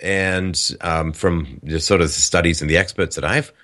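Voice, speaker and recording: A man hosting an animated, casual discussion. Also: deep voice, normal speed. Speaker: podcast host.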